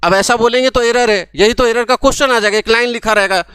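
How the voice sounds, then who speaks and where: A man's voice: very high-pitched, steady tone, fast talker, pushed and bright, clear, resonant tone, dry recording. A young man teaching an English grammar lesson to the camera, asking questions and answering them himself. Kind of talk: classroom lecture to camera. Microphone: camera mic, recorded for an app course.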